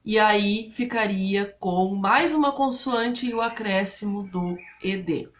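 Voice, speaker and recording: A woman's voice: mid-range voice, slow pace, a little hiss or hum. A woman speaking Brazilian Portuguese, explaining English grammar rules to students step by step and often checking in with her listeners. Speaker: English teacher.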